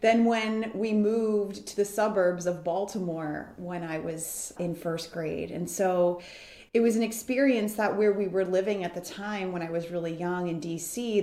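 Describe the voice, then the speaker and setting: Her voice is on the low side with a darkish tone. This American woman, a guest in a reflective interview, recounts her story earnestly and fluidly, with a roomy echo around her.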